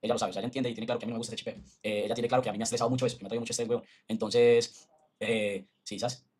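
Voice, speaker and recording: A young man with a Medellín Colombian accent, ranting to his stream in a heated, slangy, fast-rambling way. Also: mid-range voice, flat delivery, darkish tone, husky. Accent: Medellín Colombian Spanish. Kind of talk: casual stream rant.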